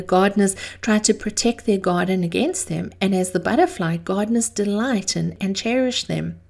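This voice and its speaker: A woman hosting an inspirational series, delivering a scripted monologue in a theatrical, measured way with drawn-out emphasis. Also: medium pitch, vocal fry, darkish tone. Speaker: host of a daily inspirational series.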